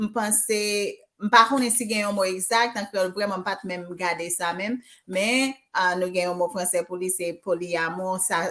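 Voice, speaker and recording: Medium in pitch and fairly bright, this voice belongs to a woman in her forties from Haiti. As a guest on an online show, she chats casually in interview style, moving between English and Haitian Creole and saying um a lot.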